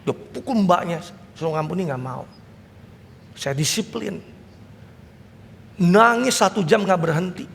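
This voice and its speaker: Pastor from Indonesia, man, high gravelly voice, animated sermon storytelling, church hall reverb. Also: unhurried, long pauses, slight background noise. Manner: animated storytelling, acting out family dialogue.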